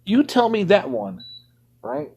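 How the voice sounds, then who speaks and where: A man's voice: high voice, wildly swooping pitch, slow pace, creaky, a little mellow, breathy edge. A man streaming a game from home, ranting indignantly in casual commentary.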